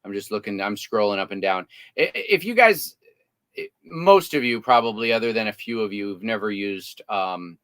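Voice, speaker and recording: A man's voice: fairly low pitch, lively intonation, moderate pace, a bit bright. A man co-hosting a casual livestream from inside a camper, reading out viewer comments and joking. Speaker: co-host of an RV livestream.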